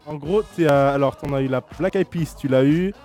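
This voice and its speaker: A man's voice: a little high, normal speed, mellow, faint music behind. A man in his twenties hosting a blind test in casual chat, teasing and playful, laughing often. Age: 20s. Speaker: radio host running a blind test.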